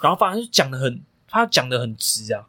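A man's voice: medium pitch, very animated, fast talker, bright, forceful tone, no room sound. A young man, a coach co-hosting a podcast, telling stories emphatically and swearing freely. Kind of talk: casual podcast chat.

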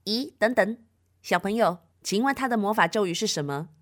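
A woman reading a picture book to children in an animated manner, often addressing them directly. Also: medium pitch, fairly quick. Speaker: storyteller.

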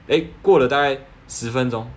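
A man's voice: medium pitch, normal speed, a little hiss or hum. A man. He is a young doctor giving casual advice, earnest and persuasive, often asking rhetorical questions. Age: 20s.

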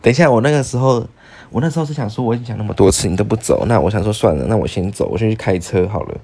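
A young man co-hosting a podcast with his wife, calmly defending himself and giving drawn-out explanations. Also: on the low side, breathy edge. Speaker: podcast co-host. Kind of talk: casual chat.

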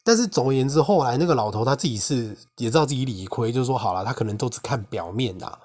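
A young man with a Taiwanese Mandarin accent, hosting a podcast and telling a personal faith story in an indignant, animated way. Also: medium pitch, fast. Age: young adult. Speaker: podcast host. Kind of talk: casual personal testimony monologue.

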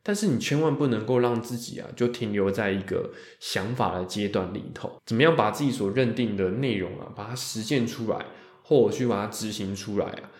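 A man's voice: lowish voice, darkish tone. A man hosting a podcast alone, talking casually and chattily, often stretching out the sounds that end his phrases. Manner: chatty, with drawn-out particles ending phrases. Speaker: podcast host. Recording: roomy echo.

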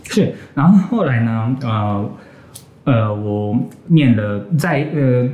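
A man's voice: mid-range voice, lively intonation, takes it slowly, mellow. A young man from Japan speaking Mandarin as a second language with a Japanese accent and a slight Taiwanese influence, hesitantly searching for words as a podcast guest. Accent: Japanese accent in Mandarin, with some Taiwanese influence. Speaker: interview guest, graduate student. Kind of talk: casual podcast interview. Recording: roomy, echoey sound.

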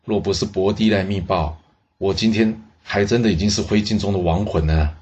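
A man's voice: sits low, normal speed, a little mellow, husky. A man voicing a stern ruler who speaks coldly and with command. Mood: reproachful. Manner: cold, commanding. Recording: dull lo-fi recording.

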